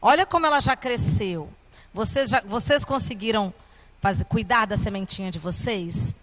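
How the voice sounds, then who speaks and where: A woman's voice: medium pitch, moderate pace, a bit bright, poor audio. A woman with a Brazilian accent teaching a children's Bible lesson in a kindergarten teacher voice, with simple explanations and questions put to the children.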